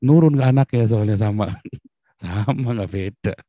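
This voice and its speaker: A man preaching in a casual, lively style, often laughing and leaping up in pitch when he makes a point. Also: normal speed, dry recording. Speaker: pastor. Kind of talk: sermon. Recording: dull lo-fi recording.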